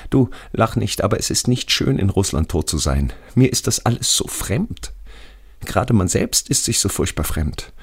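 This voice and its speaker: A man's voice: fairly low pitch, big pitch swings, moderate pace, slightly rough, voice pushed up, heavily acted. A man voicing the timid, anxious ghost of a young soldier who pleads and repeats himself. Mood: pleading. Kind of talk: audiobook character voice.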